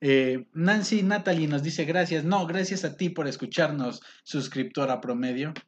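A man's voice: a little high, normal speed, a little hiss or hum. A man with a Mexican accent hosting a casual podcast, reading live comments in a teasing, mock-formal way.

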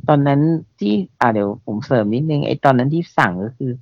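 A man's voice: mid-range voice, fast talker, gravelly, highs cut off. A man co-hosting a casual podcast, who often hesitates and searches for words. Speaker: podcast co-host.

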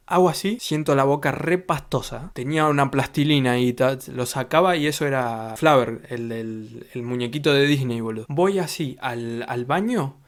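A young man with a Rioplatense Argentine accent, telling a story in casual vlog style, full of crude slang and acted-out quotes. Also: medium pitch. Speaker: vlogger.

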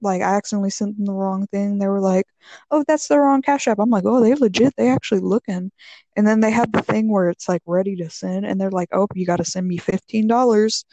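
Young woman chatting, slangy n blunt, medium pitch, close dry sound, tells little stories. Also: fairly even intonation, fast, dark tone, dry recording. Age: young adult. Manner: slangy, blunt, swears freely, quotes people animatedly. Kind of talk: casual chat, telling anecdotes.

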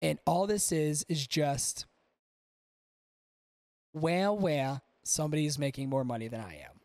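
A man's voice: fairly high pitch, measured pace, a little mellow, no room sound. A male podcast host giving casual, profane, exasperated reaction commentary.

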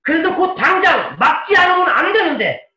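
A male pastor preaching a dramatic sermon, moving between soft pleading and forceful shouting. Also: extremely high pitch, sing-song, normal speed. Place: church sanctuary. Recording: echoey room, mic at a distance.

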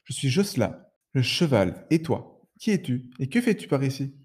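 A man voicing a big, kind horse with a deep voice who speaks calmly and kindly. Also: normal speed, slightly rough. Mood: gentle. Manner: calm, kindly. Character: big gentle male horse, calm and kind.

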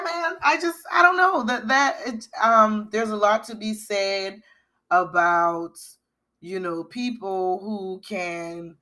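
A woman's voice: medium pitch, pushed and bright. A middle-aged woman co-hosting a podcast in casual chat, rambling with fillers and restarts. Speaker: podcast co-host.

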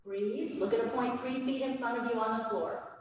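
A woman's voice: a little high, fairly even intonation, moderate pace. A woman instructing a yoga class, calling out directive cues in short, clipped commands. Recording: very echoey hall, distant mic, background noise.

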